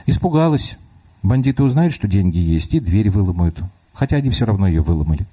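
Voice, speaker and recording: A man's voice: on the low side, sing-song, a little fast, mellow, husky. A man voicing a small, stubborn and suspicious girl in a comic radio story. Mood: matter-of-fact. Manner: childish, wary, prim.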